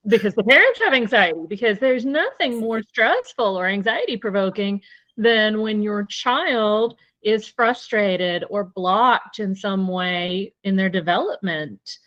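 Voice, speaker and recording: A woman's voice: medium pitch, animated, a little slow, a bit bright, dry recording, muffled recording. A woman hosting a podcast, asking questions in an easy conversational way. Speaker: podcast host. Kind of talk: casual podcast interview.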